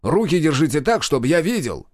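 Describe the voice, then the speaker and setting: A man's voice: medium pitch, very animated, fairly quick, no echo, clean studio sound, natural voice. A man doing a barking, suspicious police major. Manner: barking orders.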